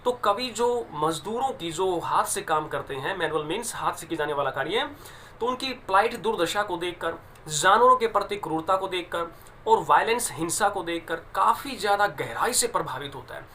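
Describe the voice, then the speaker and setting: A man teaching a poem, explaining each line in Hindi and reading the English phrases slowly. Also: high-pitched, lively intonation, pushed and bright, a little hiss or hum. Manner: explains English lines in Hindi, stresses pronunciation. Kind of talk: classroom lesson explaining a poem.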